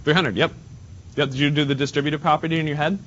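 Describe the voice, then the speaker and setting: Racing along with fairly even intonation and a somewhat bright tone, a male math teacher with a nasal voice talks to his students informally as he works at the board during class. The lo-fi recording sounds dull, with a faint rumble.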